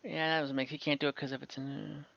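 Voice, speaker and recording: Over an online voice call from a room, a game master improvises the narration of a tabletop game, frequently hesitating as he thinks aloud. The mid-range voice is fast, creaky and level in tone, captured in a muffled, echoey room.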